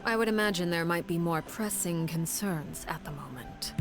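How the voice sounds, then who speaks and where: A woman voicing a cold, composed commander in a video game who speaks in a measured, formal and quietly menacing way. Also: on the low side, music in the background, lightly acted, poor audio. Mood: calm. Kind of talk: game voice acting.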